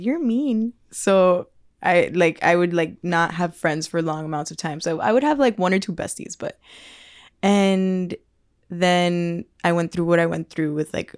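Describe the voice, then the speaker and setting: A woman talking candidly as a podcast guest about leading teams, blunt and open, with frequent "like" fillers and quick laughs. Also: fairly low pitch, clear, resonant tone, no echo, clean studio sound. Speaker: event leader and podcast guest. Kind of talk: casual interview conversation.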